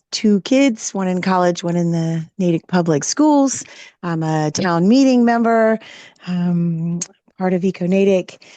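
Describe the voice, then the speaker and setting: A woman's voice: medium pitch, a little mellow, no room sound. A woman in her forties introducing herself in a group discussion, chatty and upbeat. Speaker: meeting participant.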